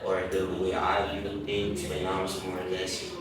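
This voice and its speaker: A man's voice: low voice, monotone, a little slow, noisy background. A man guest talking casually in an interview, laid-back, often asking "you feel me". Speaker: guest, creative director. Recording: roomy, distant mic, loud crowd behind.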